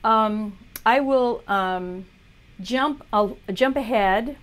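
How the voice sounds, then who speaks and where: A woman's voice: on the high side, drawn-out words. A woman teaching art on a livestream, chatting casually as she talks viewers through a drawing demo. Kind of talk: live demo tutorial.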